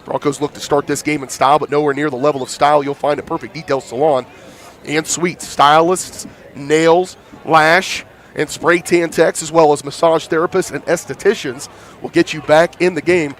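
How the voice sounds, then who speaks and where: A man doing live high school football commentary with a thick smoker's rasp, congested from hay fever. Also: steady tone, moderate pace. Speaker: play-by-play announcer. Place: outdoor football stadium broadcast.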